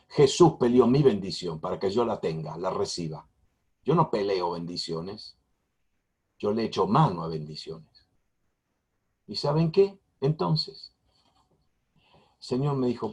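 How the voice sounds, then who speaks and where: A middle-aged man preaches a sermon in a husky, breathy voice. He sits fairly low in pitch and drives his points home by repeating phrases and restarting mid-sentence. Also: darkish tone. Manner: emphatic, repetitive preaching with many restarts. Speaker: pastor.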